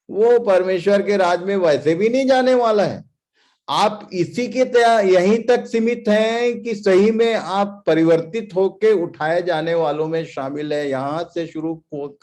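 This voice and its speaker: A man's voice: high-pitched, darkish tone. A man preaching a sermon, putting questions to the congregation and stressing points with English phrases. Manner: quizzes the congregation, emphatic, drops in English phrases.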